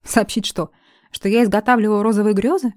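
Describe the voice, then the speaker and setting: A woman's voice: medium pitch, steady tone, a little fast, a little mellow, no room sound, studio quality, lightly acted. A woman voicing a panicky, hysterical adult male elf teacher who keeps pleading and breaking into nervous outbursts in a storybook reading.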